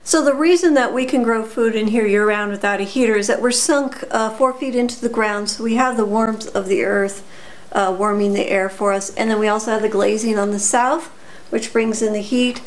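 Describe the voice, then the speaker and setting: A woman's voice: on the high side, fairly even intonation, moderate pace. A middle-aged woman farmer explaining things plainly as she leads a tour through her greenhouses. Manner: plain, practical explaining with fillers. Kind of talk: casual guided tour. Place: inside greenhouses on a farm. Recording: noisy outdoor-style background.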